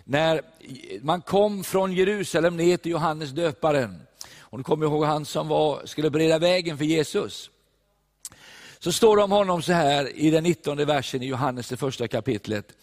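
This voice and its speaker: An older man from Sweden preaching a sermon, animated and emphatic, recorded in a church. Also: fairly high pitch. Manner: animated, rising to emphatic peaks. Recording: long church reverb.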